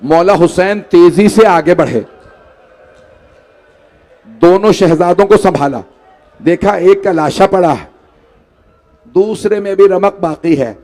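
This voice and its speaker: A man's voice: sits high, slow, long pauses, a little mellow, soft background music. A man preaching a mourning sermon, pleading with his listeners and rising into a wailing lament. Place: large hall.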